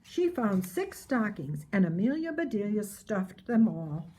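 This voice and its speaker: A woman's voice: medium pitch, very animated, measured pace, mellow, slightly rough. An older woman reading a children's storybook aloud in a grandmotherly storytelling manner.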